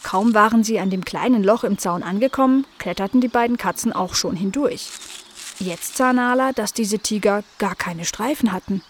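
A woman narrating a children's story in a gentle, even storytelling manner. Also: mid-range voice, normal speed, a little hiss or hum.

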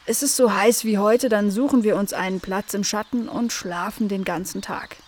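A woman's voice: fairly even intonation, darkish tone, natural voice. Woman doing Spike, a sleepy hedgehog. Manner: slow, drowsy, low-key. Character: sleepy male hedgehog, calm and polite.

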